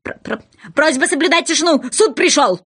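A woman doing a shrill stammering storybook rabbit herald. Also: fairly quick, slightly rough. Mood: fussy, shrill.

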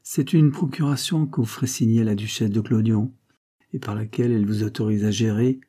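A man's voice: fairly low pitch, fairly even intonation, fairly quick, mellow, husky. A man reading an audiobook, voicing a scornful, domineering creole woman who talks in a cold, mocking tone. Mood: commanding. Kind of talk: audiobook character voice.

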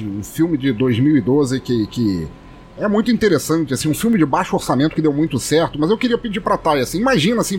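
A Brazilian man with a smoker's rasp, hosting a casual podcast in a jokey, animated, freely swearing way. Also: a little high, a little hiss or hum. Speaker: podcast host.

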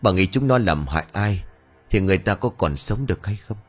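A man voicing a gruff, quick-tempered old village husband who talks in curt, irritable grumbles. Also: low voice, lively intonation, faint music behind. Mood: angry.

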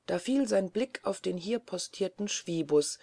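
A woman reading a classic novel aloud as scripted narration, shifting into lively voices for the dialogue. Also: medium pitch, unhurried, creaky, breathy edge, no room sound. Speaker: audiobook reader.

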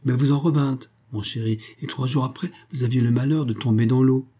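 A man's voice: mid-range voice, fairly even intonation, brisk, warm tone, husky, voice pushed up, close to an everyday voice. A man reading a storybook aloud, voicing a cunning, spiteful old grandmother who coaxes and wheedles. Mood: wheedling. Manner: wheedling, calls everyone dear.

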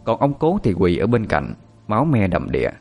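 A man narrating a story in a steady, measured way. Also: fairly low pitch, faint music behind.

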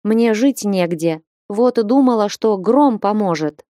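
A woman voicing an old village witch and healer who speaks slowly and staidly, with a grumbling tone. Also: medium pitch, lively intonation, warm tone, no room sound, studio quality, pitched above the performer's own voice.

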